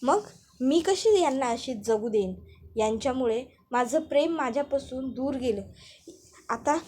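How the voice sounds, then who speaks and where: Mocking villain lady, high voice, threatening, woman doing the voice. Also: expressive, measured pace, mellow. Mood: bitter. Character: scheming spiteful woman villain, taunting.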